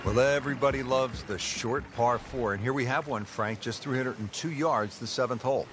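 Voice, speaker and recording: A man's voice: mid-range voice, moderate pace, a bit bright, slight background noise. A man delivering polished play-by-play golf commentary. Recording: music and crowd behind voice. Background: music and crowd ambience.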